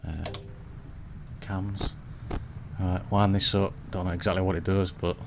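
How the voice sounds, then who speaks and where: A man's voice: deep voice, level tone, unhurried, gravelly, background noise. A man casually commenting on a horror game as he plays it, with laid-back, muttered reactions. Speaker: gaming channel host.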